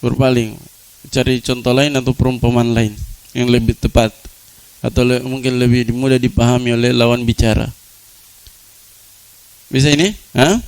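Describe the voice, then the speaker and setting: A man with a clear, resonant voice teaches Arabic grammar to a class in a lecture setting, often posing rhetorical questions, answering them himself, and repeating key words. He lowers his voice for examples, and the audio quality is poor.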